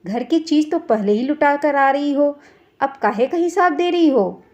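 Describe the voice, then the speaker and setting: A woman's voice: high-pitched, animated, moderate pace, darkish tone, lo-fi sound, pitched above the performer's own voice. A woman voicing a scolding older mother-in-law who taunts and accuses in a storybook tale. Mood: scornful.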